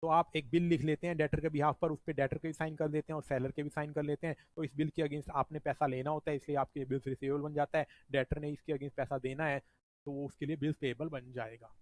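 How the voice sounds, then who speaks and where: Male teacher, slightly high voice. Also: flat delivery, fast, dry recording. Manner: explains step by step, often adds "ठीक है जी". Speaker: accounting teacher. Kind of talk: revision lecture.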